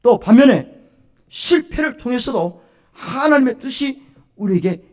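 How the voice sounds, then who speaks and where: A man's voice: very high voice, measured pace. A male pastor giving a sermon at a church service, telling stories and asking questions of the congregation. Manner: animated storytelling, questions to the congregation.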